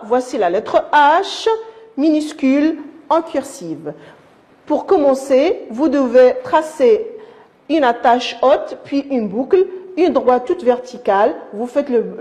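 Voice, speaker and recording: A woman's voice: fairly high pitch, a little mellow. A woman teaching a lesson to young pupils, patient and repeating herself, speaking to them affectionately. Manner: slow, patient, repeats and restarts words. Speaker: primary school teacher. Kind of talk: recorded lesson explaining to young children.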